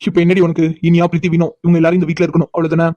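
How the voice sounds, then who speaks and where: A cocky, stubborn young man in a cartoon story, voiced by a woman, who teases and mocks without letting up. He speaks very fast in a low, flat, mellow voice. The recording is dry and close. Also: no room sound, lo-fi sound, lightly acted. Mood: teasing. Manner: teasing, insistent, mocking. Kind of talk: cartoon voice acting.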